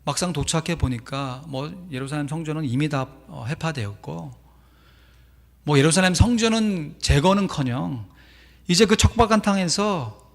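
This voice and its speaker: A man's voice: on the high side, animated, moderate pace, creaky. A man pastor preaching a sermon in a church, telling a story animatedly with sudden emphatic rises. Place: church sanctuary. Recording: long church reverb.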